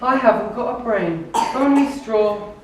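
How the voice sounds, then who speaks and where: A woman's voice: fairly high pitch, unhurried, close to an everyday voice. A woman playing a naive, friendly straw scarecrow in a stage play, innocent and puzzled. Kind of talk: theatrical stage play acting. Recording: very echoey hall, distant mic, faint noise.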